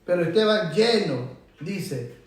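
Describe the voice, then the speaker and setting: This preacher has a high, expressive voice and takes his time, building emphatic appeals to the congregation until he's nearly shouting. The sound is echoey and distant, recorded in a church hall.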